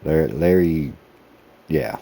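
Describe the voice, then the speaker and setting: Low-voiced man chatting while sim racing. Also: lively intonation, slow pace, vocal fry, warm tone. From United States. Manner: rambling self-talk while driving, easygoing. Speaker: sim racing video creator. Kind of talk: casual gameplay commentary.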